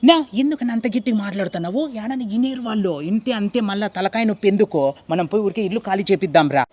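A nervous landlord who shakes at the thought of confrontation, played by a man. He talks fast and anxiously in a raised, high voice, pleading more than demanding. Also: a little mellow. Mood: fretful. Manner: fretful, pleading. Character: timid, nervous landlord trembling with fear. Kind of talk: comedy sketch acting.

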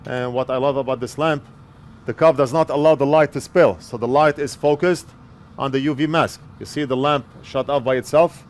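A man in his forties, working as a repair technician, narrates an electronics repair step by step at his indoor workbench, explaining plainly into a wired earpiece headset mic while he works. His mid-range voice holds a steady tone at a normal pace.

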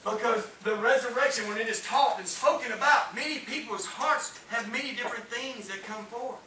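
This is a middle-aged man with a very high, sharp voice at normal pace, preaching to a small congregation in a fervent, rising-and-falling Pentecostal manner and calling for amens. Recorded from a distance by a camera without a visible mic, the church hall sounds echoey and faintly hissy.

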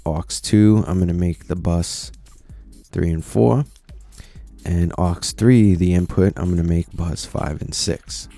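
A man casually explaining software steps one at a time in a screen-recorded tutorial, with lots of "you know"s. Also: deep voice, measured pace, vocal fry, soft background music. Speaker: tutorial presenter.

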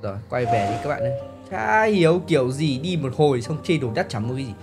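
A man giving joking, excitable let's-play commentary to his viewers. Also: mid-range voice, fast talker. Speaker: gaming YouTuber. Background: game music.

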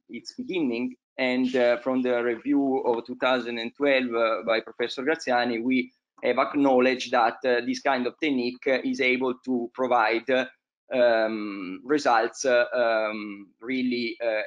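A man's voice: medium pitch, lo-fi sound. Hesitant man giving a dental lecture. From Italy. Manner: hesitant, many filler sounds. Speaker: periodontology lecturer. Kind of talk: online conference presentation.

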